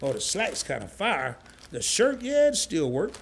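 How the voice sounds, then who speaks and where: A man hosting a casual live stream, animated and chatty, reading viewer comments aloud in loose slang. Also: fairly high pitch, unhurried, vocal fry, slightly rough. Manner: animated, chatty, repeats himself.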